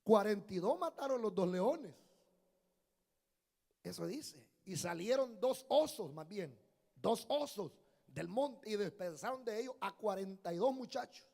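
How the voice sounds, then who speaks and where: A man, preaching a sermon in a church, breaking into loud shouted lines and acted quotes. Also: high voice, animated, unhurried, gravelly. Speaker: pastor. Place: church in Maryland.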